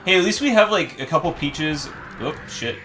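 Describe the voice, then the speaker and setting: A man's voice: on the high side, lively intonation, moderate pace, fairly bright tone, slight background noise. A man casually commentating as he plays a game, his voice sounding tinny and metallic, like he is in a tin can. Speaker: host and player of a gaming series. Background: video game music.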